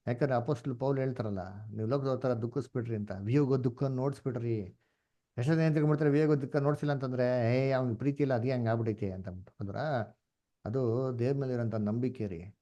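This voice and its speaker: A man's voice: medium pitch, quick pace, mellow, muffled recording. A man with a Kannada accent teaching an online Bible class, asking questions and mixing English words into his talk. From India.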